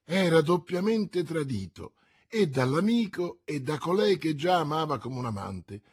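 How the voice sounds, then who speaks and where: A man with a husky voice narrating a classic novel aloud in a measured, dramatic storytelling manner. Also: on the high side, lively intonation, a little mellow. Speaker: audiobook narrator. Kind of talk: scripted literary narration.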